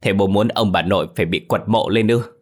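A man's voice: lowish voice, a little fast, natural voice. A man voicing a cold, resolute young woman. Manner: cold and firm.

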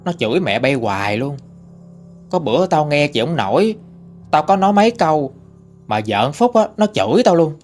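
A man's voice: fairly high pitch, sing-song, moderate pace, darkish tone, soft background music. A man voicing an older woman neighbor, indignant and confiding. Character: older gossiping village aunt, woman.

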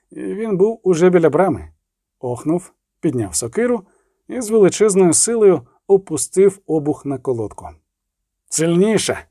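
A man reading a fantasy novel as an audiobook narrator, steady and expressive. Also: fairly high pitch, no room sound, clean studio sound. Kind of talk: scripted narration.

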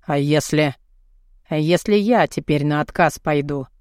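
Woman voicing a burly crude man, husky and gruff, teasing, swaggering, lowered voice, audiobook, dry close sound. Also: unhurried, a little mellow, dry recording.

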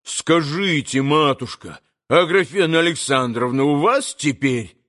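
A desperate, hot-tempered young man, read by a male narrator with urgent, snapping outbursts. The voice sits a little high. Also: lively intonation, unhurried, fairly bright tone. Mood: agitated.

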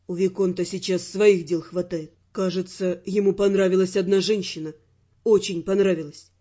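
A woman voicing a confident, teasing young male earl in a lowered, mocking, self-assured tone. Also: fairly even intonation, moderate pace, warm tone, dull audio, close to an everyday voice. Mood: wry, confident.

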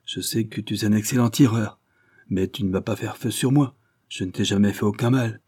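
A man's voice: medium pitch, animated, normal speed, mellow, no echo, studio quality, pitched above the performer's own voice, natural voice. A man voicing a commanding deputy sheriff. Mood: coaxing. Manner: commanding, insistent. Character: determined male American deputy sheriff.

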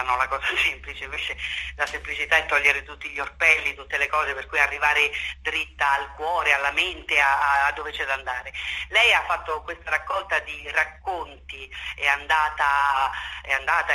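This theatre director from Marche, Italy, is a guest in an interview captured on poor audio. Her voice is low with a sharp edge, and she speaks emphatically and off the cuff, repeating herself and ending phrases with "no?".

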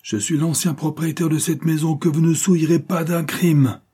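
A man voicing a robust, stern old man who speaks in a booming, solemn voice. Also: unhurried, breathy edge.

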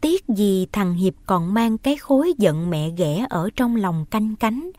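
A woman's voice: mid-range voice, unhurried, no room sound. A woman reading a novel aloud as an audiobook narrator, telling the story steadily. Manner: steady storytelling, lifting voice for dialogue.

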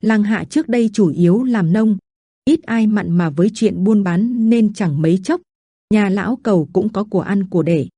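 A woman narrating a written story in a steady, even reading voice. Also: medium pitch, normal speed, slightly rough, dry recording, clean studio sound.

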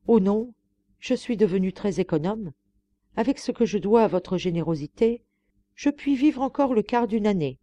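A woman's voice: mid-range voice, animated, normal speed, mellow, natural voice. A woman reader voicing a poor, frail old retired actress who speaks humbly and pleadingly in an audiobook.

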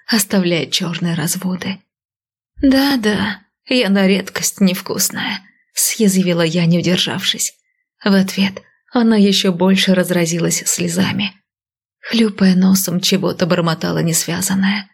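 A woman reading a first-person audiobook in a breathy, half-whispered voice. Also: medium pitch. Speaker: audiobook narrator.

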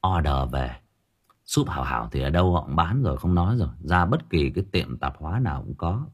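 Chatty husky man joking to viewers. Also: extremely low pitch, animated, fairly quick. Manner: chatty, jokey, with many fillers. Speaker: livestream seller and storyteller. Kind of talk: casual comic story retelling to viewers.

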